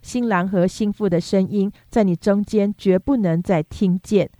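A woman reading scripture aloud in a steady, measured, unhurried way. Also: mid-range voice, no echo. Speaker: scripture reader.

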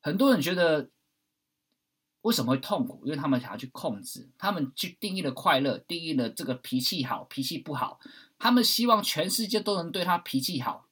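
A man giving a blunt, preachy monologue, swearing at times and swinging between loud outbursts and hushed asides. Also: on the high side, sing-song, quick pace, husky. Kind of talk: impassioned monologue.

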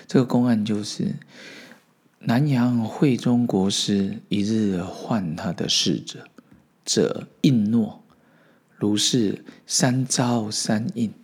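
Gravelly low-voiced male podcast host. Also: takes it slowly. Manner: relaxed, explanatory, with frequent fillers. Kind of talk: storytelling commentary on Zen koans.

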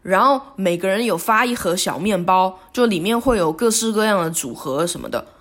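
A woman talks alone on her podcast. Her reflective monologue is halting and remorseful, and she often stops and restarts her sentences. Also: medium pitch, lively intonation, fairly bright tone. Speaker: podcast host.

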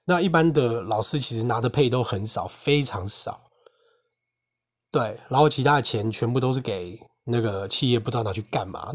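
A young man with a Taiwanese Mandarin accent, hosting a podcast and telling a personal faith story in an indignant, animated way. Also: mid-range voice. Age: young adult. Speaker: podcast host. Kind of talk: casual personal testimony monologue.

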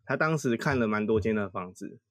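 A man, co-hosting a podcast and telling a story in a relaxed, teasing way. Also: on the low side, fairly quick, no echo, clean studio sound. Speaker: podcast co-host. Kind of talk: casual storytelling chat.

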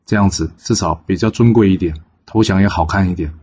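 A man's voice: low-pitched, a little fast, darkish tone, muffled recording, a little hiss or hum, natural voice. A man reading a gullible, wavering young general.

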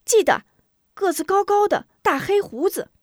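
A woman voicing an eager young boy who pleads urgently in a high, loud voice. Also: animated, normal speed, no echo, clean studio sound.

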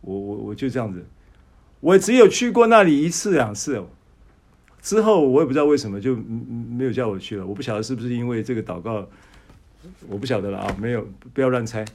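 A man's voice: mid-range voice, quick pace. A man preaching as a pastor. He shares a personal testimony, addresses the listeners directly, and often stumbles and restarts his words. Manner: animated storytelling, frequent stammered restarts.

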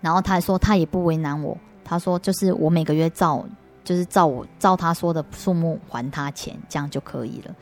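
A woman's voice: low voice, a little fast, soft background music. A woman with a Taiwanese Mandarin accent, a guest in an interview, earnestly telling her story of faith with frequent restarts. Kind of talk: personal faith testimony.

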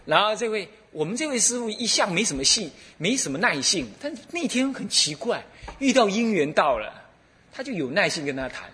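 This is a high-pitched, fairly quick male voice: a middle-aged Buddhist abbot, Taiwanese Mandarin accent, telling stories in a dharma talk. Lively and laughing, he acts out each bit of dialogue.

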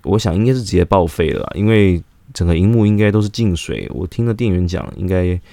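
A man's voice: sits low, fast talker, vocal fry, warm tone, dry recording. A young man tells a rambling personal story in a casual vlog, full of fillers and restarts.

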